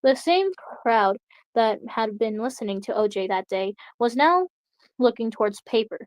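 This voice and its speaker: A woman's voice: a little high, expressive, normal speed, no room sound. A young woman streamer reading a story aloud, stumbling over words and chatting as she corrects herself. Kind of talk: reading aloud with casual asides.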